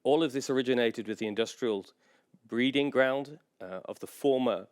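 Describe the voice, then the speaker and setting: This is a general manager from England presenting at a conference, measured and informative in his approach. He often stops on fillers, and his voice sits at a medium pitch with a clean tone.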